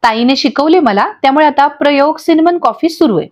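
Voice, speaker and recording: A woman's voice: high voice, expressive, a little fast, dull audio, voice pushed up. A woman voicing a cheerful young bride who speaks sweetly and drawls some words in a storybook recap.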